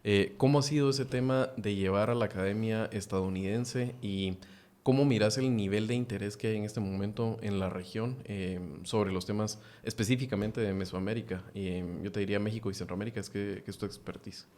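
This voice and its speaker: A man hosts a podcast panel in an easygoing, chatty way. His voice sits low, and he keeps stopping to fill gaps with "eh" and "em" as he feels his way through introductions. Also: fairly quick. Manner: animated, hesitant with fillers. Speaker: podcast host. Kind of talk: casual panel talk.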